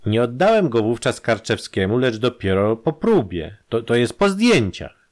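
A man's voice: medium pitch, very animated, moderate pace, pitched above the performer's own voice, natural voice. Man doing a stammering, jittery actor. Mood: nervous. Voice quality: slightly hoarse. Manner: stammering, flustered. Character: nervous, evasive male film actor under questioning.

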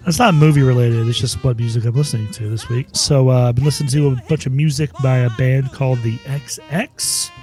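A man's voice: medium pitch, fairly even intonation, fairly quick, hardly any pauses, a little mellow, faint music behind. A man co-hosting a podcast in casual chat, thoughtful and opinionated, speaking earnestly. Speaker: podcast co-host.

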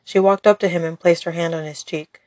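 Woman narrator reading a drama story, lowish voice, dry close recording. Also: fairly even intonation, fairly quick, darkish tone, dry recording.

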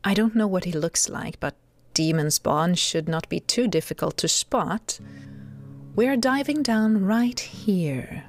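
A woman's voice: mid-range voice, expressive, takes it slowly, faint music behind. A woman playing a disembodied, commanding voice of God who narrates and coaxes in an audio drama. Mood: wry, commanding.

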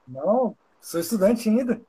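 A man hosts a live stream in a mellow, slightly husky voice. He is a psychology student and speaks in a gentle, courteous way. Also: sits high, big pitch swings, moderate pace, poor audio. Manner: gentle, grateful, polite wrap-up. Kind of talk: casual live-stream interview.

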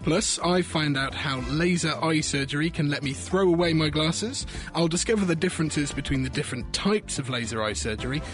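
A man hosting a science show with a scripted introduction, in a bright, curious manner. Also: fairly high pitch, lively intonation, a little fast, music in the background.

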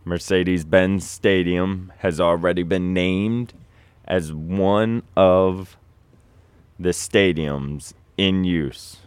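Slow deep-voiced male host. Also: clean tone, no echo. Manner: relaxed, rambling, trails off and restarts. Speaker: show host. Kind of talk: casual sports chat.

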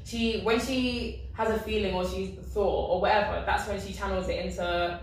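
A woman's voice: medium pitch, fairly even intonation, moderate pace. Echoey, chatty young South London woman. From South London, England. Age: 20s. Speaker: interview guest, radio station DJ. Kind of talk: casual chat, personal storytelling. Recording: echoey room, distant mic, faint noise.

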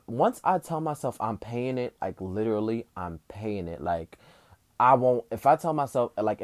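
A young man casually telling a personal story, animated and slangy, full of fillers and acted self-talk. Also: on the low side, no room sound.

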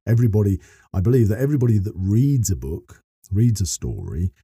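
A middle-aged man, a voice actor and narrator appearing as a podcast guest, explains things earnestly and at length, often rephrasing as he goes. His very low voice is dark, slightly husky and sing-song, a little fast, captured close and dry with no room sound.

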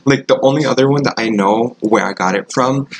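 A man's voice: mid-range voice, fairly quick. A young man in casual chat with coworkers, rambling with lots of fillers and frequent laughs.

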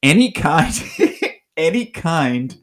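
A man's voice: a little high, very animated, drawn-out words. A man co-hosting a casual podcast, reading out listener submissions in an easygoing way and laughing often. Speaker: podcast co-host.

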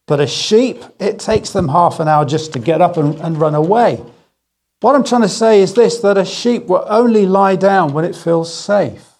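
A middle-aged man preaching a sermon, telling stories with gentle humour and slowing down on key phrases. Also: sits high. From England. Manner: storytelling with gentle humour, slow emphatic phrases. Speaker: guest speaker.

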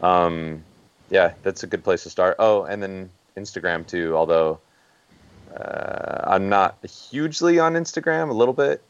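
A man's voice: low-pitched, animated, unhurried, clean tone, dull audio. A man speaking as a guest photojournalist on a podcast, plain and practical with some fillers. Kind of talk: casual podcast talk.

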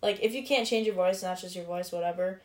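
A young woman co-hosting a casual chat, talking fast and loose with lots of "like" and swearing. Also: on the low side. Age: young adult. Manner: chatty, heavy use of "like", swears. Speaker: podcast co-host. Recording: echoey room.

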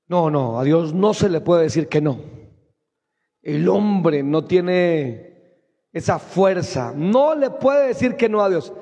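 Colombian male pastor, humorous sermon, bright high voice, long hall reverb. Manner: lively, humorous, rising to shouts.

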